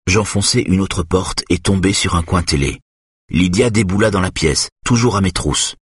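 A man narrating a tense first-person story in a measured way. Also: sits low, husky, no room sound, clean studio sound.

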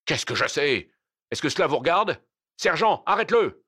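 Man voicing a raging police corporal, threatening, loud, high, bright. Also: very animated, moderate pace, husky, dry recording, studio quality, full character voice. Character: menacing village police corporal, angry and bullying.

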